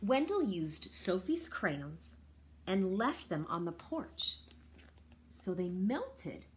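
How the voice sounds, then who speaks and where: Reading a picture book to children, this female teacher is expressive and breaks off for friendly asides to her young listeners. She speaks at a slow pace in a medium pitch.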